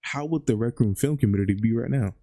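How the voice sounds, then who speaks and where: A twenty-year-old man hosting a podcast, excitable and slangy, often repeating himself. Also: medium pitch, fast talker, no echo, clean studio sound. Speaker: podcast host. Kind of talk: casual podcast chat.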